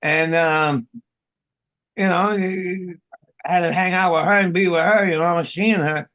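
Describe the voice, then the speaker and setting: A man's voice: sits high, steady tone, a little slow, a bit bright, dry recording. A middle-aged man from the Bronx, a podcast host swearing and laughing through casual stories. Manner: profane, laughing storyteller. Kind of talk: casual chat.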